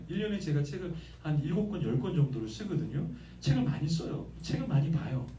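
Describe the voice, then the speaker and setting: Animated man preaching in an echoey church. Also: sits high, far from the mic, a little hiss or hum. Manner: lively conversational preaching, asks the congregation questions. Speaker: guest pastor. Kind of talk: sermon. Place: church sanctuary.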